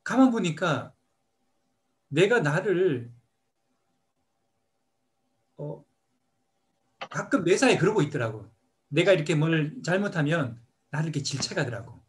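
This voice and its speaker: A middle-aged man with a somewhat high voice talks in a reflective, storytelling way as a meditation teacher. His pitch moves a lot, rising and dropping as he acts out the way he scolds himself. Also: animated, a little slow, pauses often. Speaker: meditation teacher answering questions. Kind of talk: question-and-answer talk.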